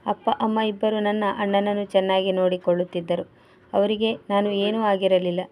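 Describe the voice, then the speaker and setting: A grieving transgender woman pours out her past in a storybook reading, as a woman narrator voices her. Her plaintive words come in a flat, mellow voice. The delivery stays steady and sorrowful. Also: medium pitch, normal speed, lightly acted.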